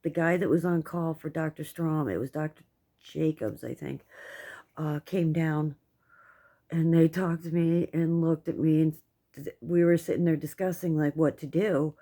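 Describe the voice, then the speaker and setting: A woman's voice: low-pitched, steady tone, moderate pace, warm tone. A middle-aged American woman with toothless speech, giving a rambling, candid personal update in casual, coarse words. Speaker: vlogger.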